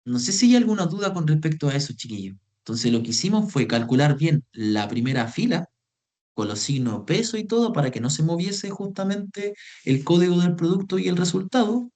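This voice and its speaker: A man's voice: fairly high pitch, lively intonation, fairly quick, a little mellow. A young man teaching an online spreadsheet class, patiently repeating himself as he explains. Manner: patient, repeats phrases, calls students "chiquillos". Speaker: Excel workshop instructor.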